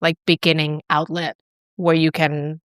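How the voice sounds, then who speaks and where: Chatty young woman from Chile, smooth voice. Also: sits low, a little slow, no echo, studio quality. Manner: relaxed, chatty, many fillers like "like" and "you know". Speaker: client care specialist, guest. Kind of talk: casual interview chat.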